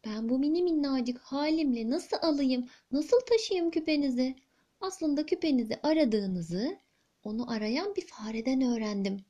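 A woman's voice: high-pitched, animated, normal speed, dark tone, lo-fi sound. Woman doing an eager, polite little boy. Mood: earnest. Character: small brave boy, polite and clever.

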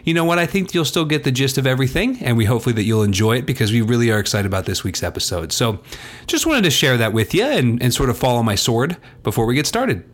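A man's voice: medium pitch, big pitch swings, fast. A man co-hosting a podcast in casual, rambling, self-deprecating talk. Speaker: podcast co-host. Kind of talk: casual chat and announcements.

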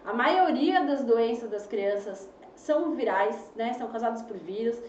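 A woman's voice: a little high, lively intonation, unhurried, darkish tone, slight background noise. A young adult Brazilian woman, a pediatrician chatting as a guest, who acts out anxious parents in whiny voices. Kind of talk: casual interview chat. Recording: roomy, distant, muffled recording.

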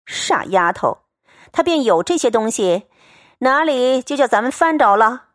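A woman's voice: a little high, big pitch swings, unhurried, fairly bright tone, no room sound, clean studio sound, voice pushed up. A woman voicing a shrewd, domineering young noblewoman who speaks with cold sarcasm and command. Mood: sarcastic.

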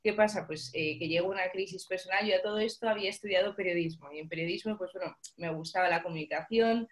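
Young woman, interview guest, fairly low voice, animated storyteller. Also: fast. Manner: animated storyteller, acts out dialogue. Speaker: guest entrepreneur.

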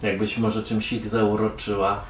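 A man's voice: fairly low pitch, completely flat delivery, measured pace, slight background noise, lightly acted. A man voicing a sarcastic, condescending young woman from a merchant family in a tabletop game. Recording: echoey room, mic far off, music behind.

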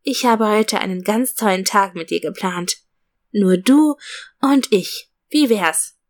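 A woman's voice: medium pitch, takes it slowly, lightly acted. A woman voicing a loving, cheerful mother in a read-aloud storybook, talking fondly to her child.

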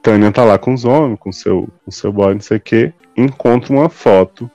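A man's voice: fairly low pitch, normal speed, warm tone, dull audio, soft background music. A man, hosting a podcast and retelling a TV series in casual chat, acting out the characters' lines as he goes.

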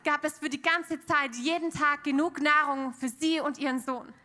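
High bright woman interpreting a sermon. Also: normal speed. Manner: expressive, mirrors the preacher's tone.

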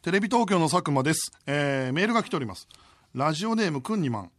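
Lively man telling a late-night radio story. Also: on the high side, fast talker. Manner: animated storytelling with frequent laughter. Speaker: radio host. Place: radio studio. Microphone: studio microphone.

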